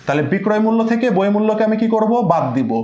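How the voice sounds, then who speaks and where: A man's voice: high-pitched, animated, rapid-fire, a little mellow, roomy sound, lo-fi sound. A man teaching an accounting class, repeating each point and asking rhetorical questions that he answers himself. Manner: repetitive, asks rhetorical questions and answers them; addresses students as brother. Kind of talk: online class lecture.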